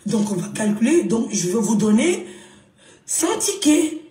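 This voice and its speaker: A woman's voice: fairly high pitch, very animated, unhurried, dark tone, roomy sound, recorded from a distance. A woman doing a stern male manager. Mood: businesslike. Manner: curt, bossy. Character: stern male concert manager, firm and impatient.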